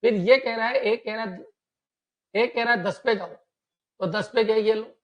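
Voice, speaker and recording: Guy teaching a computer class, keeps asking "clear?". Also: high-pitched, measured pace, dull audio. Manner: keeps checking students with "clear?". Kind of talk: classroom lecture.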